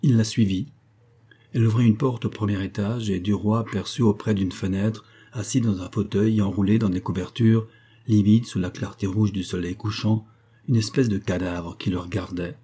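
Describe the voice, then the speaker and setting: A man narrating a classic novel as an audiobook in a measured, even reading. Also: on the low side, husky. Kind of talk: scripted narration.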